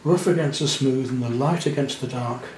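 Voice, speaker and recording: Working at a moderate pace, a man paints a watercolour demonstration at his studio easel and chats gently as he goes. The room echo on his mid-pitched voice is noticeable, with a faint hum beneath it.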